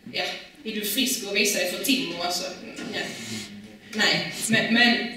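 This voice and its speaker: A woman's voice: mid-range voice, sharp tone, very echoey, recorded from a distance, a little hiss or hum, low-quality recording. A woman preaching a sermon in a church, talking in a conversational way with many fillers and restarts.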